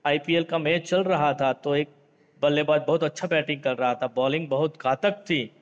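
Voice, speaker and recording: A man teaching a grammar lesson, explaining slowly with examples, mixing in English words, addressing the class as friends, and lifting his voice to act out the example sentences. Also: a little high. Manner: reads example sentences in a lifted, acted voice. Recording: dull lo-fi sound in a reverberant room.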